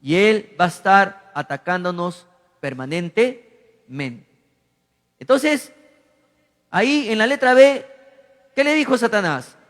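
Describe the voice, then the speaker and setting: A man preaching a teaching sermon, repeating verses and telling listeners to write notes, rising sharply in pitch and volume when reading the demons' cries. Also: expressive, takes it slowly, long pauses, fairly bright tone. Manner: repeats verses and lines for emphasis. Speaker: pastor. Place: church. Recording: long church hall reverb.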